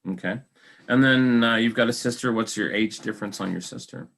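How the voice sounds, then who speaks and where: A man hosting a podcast, asking brief, halting interview questions. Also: medium pitch, creaky, fairly bright tone. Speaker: podcast host.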